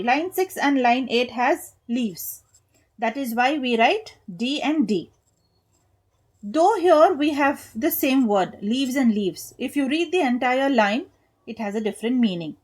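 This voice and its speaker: A young woman teaching an English literature lesson, explaining slowly and patiently and stopping to spell out each point for her students. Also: fairly high pitch. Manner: slow, patient, spells out rhyme letters and claps rhythm.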